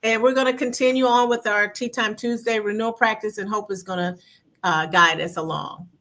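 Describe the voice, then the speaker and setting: Bright upbeat woman co-hosting a stream. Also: medium pitch, fairly even intonation, fairly quick. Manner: upbeat, reads out viewer comments. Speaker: co-host. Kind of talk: livestream hosting.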